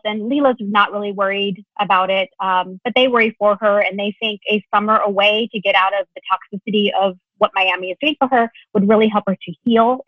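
A woman's voice: mid-range voice, dry recording, narrow, tinny audio. A woman from the United States, an author talking chattily on a panel. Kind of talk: casual panel discussion.

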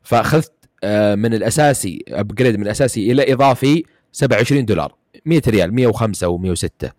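A man's voice: lowish voice, animated, very fast, a little mellow, no room sound, clean studio sound. A man with a Saudi Gulf accent, chatting casually about games, rambling with many fillers and restarts. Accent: Gulf Arabic, Saudi. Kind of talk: casual gaming chat.

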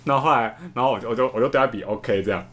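Guy rambling a story quick on a podcast, keeps repeating himself, laughs a lot. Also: medium pitch, fairly bright tone. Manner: fast, repeats words, laughs often. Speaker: podcast co-host. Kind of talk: casual storytelling chat.

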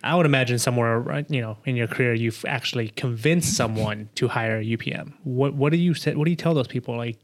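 A man's voice: mid-range voice, fast talker, few pauses. Chatty man hosting a casual podcast. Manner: chatty, asks loose rambling questions. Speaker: podcast host.

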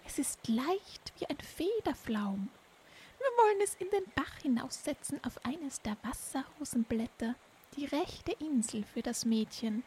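A bossy old mother toad from a storybook, ugly and plotting, who croaks her orders in a shrill, high voice that swoops all over the place. Her fussy delivery sounds a little off-mic, as a woman reading the tale puts her on. She drawls slowly. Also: animated, darkish tone, a little hiss or hum, rough recording. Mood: scheming. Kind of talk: storybook character voice.

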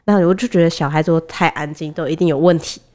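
A woman co-hosting a podcast, a mother telling a family story in an animated way, laughing often. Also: low voice, fast. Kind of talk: casual storytelling.

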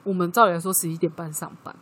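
A woman with a Taiwanese Mandarin accent, co-hosting a casual chat podcast and telling a work story in a lively way. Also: fairly low pitch, rapid-fire. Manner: lively storytelling, acting out quoted dialogue. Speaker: podcast co-host.

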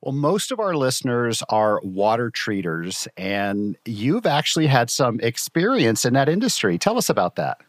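A man's voice: mid-range voice, very animated, moderate pace, few pauses. A man hosting a podcast, introducing his guest and asking questions in an upbeat, enthusiastic way. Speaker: podcast host. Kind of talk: podcast interview.

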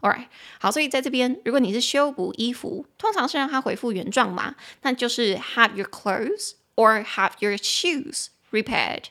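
Young woman, podcast English tutor, slightly high voice, casual Mandarin explanations with slow careful English read-outs. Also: lively intonation, sharp tone. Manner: reads English sentences slowly and clearly, explains in Mandarin. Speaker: podcast host and English teacher.

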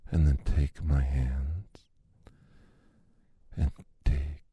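A man whispering softly and soothingly very close to the mic in an ASMR massage roleplay. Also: extremely low pitch, level tone, husky. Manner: soft whispering, slow and soothing. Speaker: ASMR performer.

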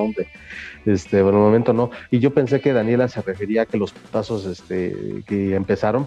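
A Mexican man giving casual wrestling commentary as a panelist, often pausing to search for his words. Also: lowish voice, mellow, muffled recording. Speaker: podcast panelist.

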